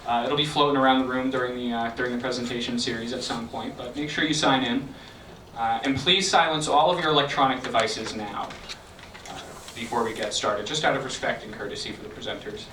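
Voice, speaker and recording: Guy introducing presenters, friendly, lots of uhs, bright tone, distant mic. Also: mid-range voice, fairly even intonation, a little fast, a little hiss or hum. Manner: friendly, many fillers. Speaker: event organizer. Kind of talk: event introduction. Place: lecture room. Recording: echoey room, mic from a distance.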